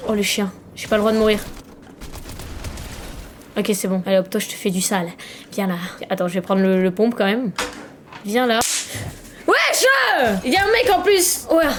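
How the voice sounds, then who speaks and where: A young woman giving casual, slangy gaming commentary, excitable and swearing, with sudden loud shouts. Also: mid-range voice, moderate pace, pauses often, slight background noise. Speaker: gaming streamer.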